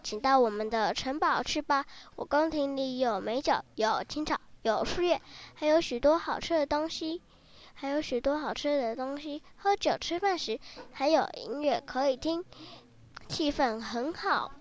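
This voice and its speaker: A woman doing a calm, wise sheep king. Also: sits high, moderate pace. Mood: composed. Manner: calm, composed.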